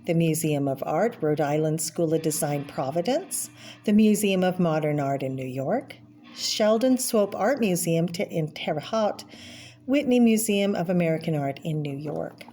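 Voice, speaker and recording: A low, dark-toned woman's voice, animated in delivery, reads a picture book for children. She explains as she goes, halting to label the pictures and offer informal remarks on them.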